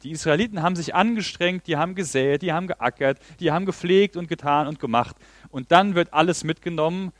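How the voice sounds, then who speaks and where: A man's voice: on the high side, no room sound. A man preaching a sermon in an earnest way, retelling a Bible story and reading passages aloud.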